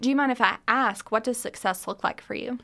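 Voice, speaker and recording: A woman hosting an interview podcast, asking brisk questions and giving frequent short, encouraging acknowledgements. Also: fairly high pitch, pushed and bright. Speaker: podcast host. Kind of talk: casual interview.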